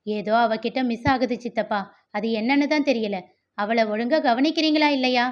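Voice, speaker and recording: A woman's voice: on the high side, moderate pace, highs cut off, close to an everyday voice. Woman voicing a stern protective older brother. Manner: firm, questioning, commanding.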